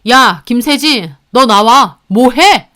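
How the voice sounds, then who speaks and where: A woman's voice: fairly high pitch, takes it slowly, warm tone. A woman playing a stern young husband. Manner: stern, confronting.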